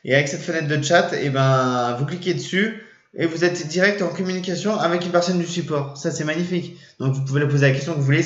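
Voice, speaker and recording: A man casually explaining to his viewers, hesitant and full of fillers and restarts. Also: a little high. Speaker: trading channel host. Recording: roomy, dull lo-fi sound.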